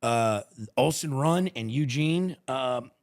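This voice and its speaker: A man's voice: mid-range voice, takes it slowly. A man hosting a casual comedy podcast, telling rowdy road stories full of swearing. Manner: profane, animated storyteller. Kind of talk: casual chat.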